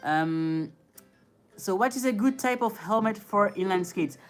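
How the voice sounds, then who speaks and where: A French inline skating streamer with a high, expressive voice reads questions from chat a little slowly during a live broadcast. Born in France and a native French speaker with a French accent, he hesitates with fillers and laughs often, and his phone recording has faint music behind it.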